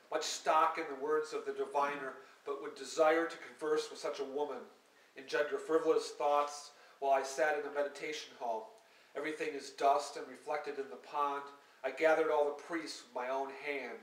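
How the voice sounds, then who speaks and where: A poet at a live reading who reads his poems in a measured, unhurried way and explains his work with halting, hesitant asides. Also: mid-range voice, a bit bright. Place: small hall at a live reading. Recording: echoey live room from a distance, faint hiss.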